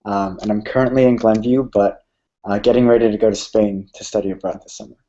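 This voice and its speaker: A man's voice: lowish voice, steady tone, fast talker, warm tone. A young man from Illinois, a student peer advisor, chatting easily on a panel. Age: young adult. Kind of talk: casual panel chat. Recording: dull lo-fi audio.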